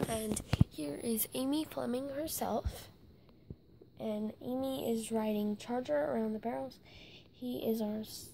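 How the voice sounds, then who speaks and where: A young woman casually narrating a tour of her toy horse barn, halting as she lists the names and sometimes dropping to a whisper. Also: high voice, creaky, heavy background noise. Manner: halting, stops to list names, drops into whispers. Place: indoor room with toy barn on carpet.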